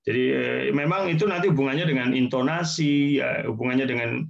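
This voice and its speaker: Gravelly-voiced preacher. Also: male voice, medium pitch, fairly quick. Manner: conversational, explains with repetition and asides, chuckles. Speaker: Islamic teacher. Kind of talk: casual sermon lecture. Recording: dull lo-fi sound.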